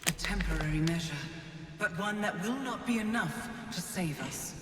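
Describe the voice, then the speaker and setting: A woman's voice: on the low side, moderate pace. A woman voicing a solemn, commanding goddess of magic in a video game, with a stately goddess voice under a heavy otherworldly echo. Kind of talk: scripted video game dialogue. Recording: cavernous echo, long reverb, distant, noisy.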